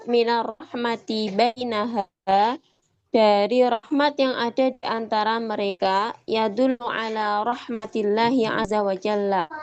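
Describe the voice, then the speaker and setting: A woman slowly reading a classical text aloud in class, translating it line by line with halting fillers, heard over a choppy online call. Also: a little high. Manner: halting, careful, with frequent hesitant fillers. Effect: choppy, breaking-up online call audio. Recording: lo-fi, breaking-up remote call line.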